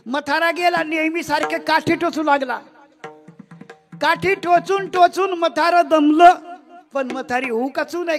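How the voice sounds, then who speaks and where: Man, very high voice, storytelling sermon, faint music behind. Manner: lively storyteller, asks the audience rhetorical questions. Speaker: kirtan preacher. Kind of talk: devotional storytelling sermon with singing.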